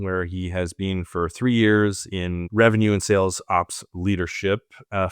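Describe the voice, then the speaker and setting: A man hosting a business podcast introduces and questions his guest in an upbeat, conversational way with frequent fillers, like a casual interview chat. His voice is deep, a bit bright, and clean, recorded at studio quality with no room sound.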